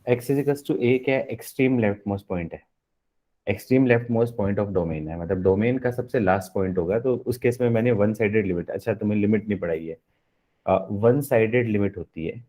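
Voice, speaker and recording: Mellow low-voiced male maths teacher. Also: brisk. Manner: explains step by step, keeps asking the class questions. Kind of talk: live online maths lecture.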